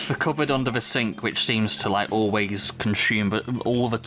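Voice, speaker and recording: A man's voice: fairly low pitch, normal speed, bright, forceful tone. A tired man hosting a let's play, rambling and joking in casual chat over gameplay.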